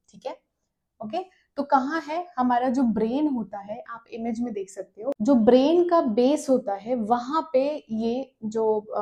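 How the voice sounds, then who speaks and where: A woman teaching a lecture, her voice pitched a little high but mellow and soft-edged. She walks through diagrams step by step, poses questions and answers them herself, and slows right down whenever she reads out English terms. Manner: reads English lines slowly and mixes English terms into her talk.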